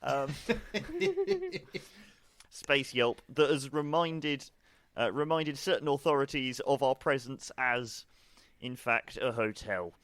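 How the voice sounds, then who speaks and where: A man's voice: mid-range voice, sing-song, slow pace, fairly bright tone. A man playing a fussy station manager in a tabletop game, rambling and laughing mid-sentence. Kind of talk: in-character role-play as a station manager.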